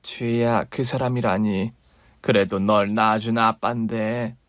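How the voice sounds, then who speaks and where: A man voicing a long-suffering, gentle middle-aged mother in a radio story reading, talking softly and coaxingly. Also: lowish voice, level tone, a little slow, no echo, clean studio sound.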